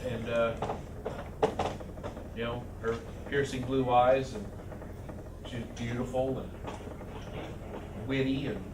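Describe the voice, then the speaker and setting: A man speaking at a memorial, halting with many restarts and fillers. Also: medium pitch. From Arizona. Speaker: eulogy speaker. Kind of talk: memorial speech. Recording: echoey hall from far off, noisy.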